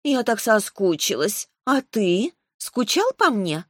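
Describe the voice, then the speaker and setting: A woman's voice: mid-range voice, big pitch swings, takes it slowly, a bit bright, no echo, clean studio sound, exaggerated voice. A woman voicing a vain, seductive and spiteful dragoness who speaks coyly and haughtily.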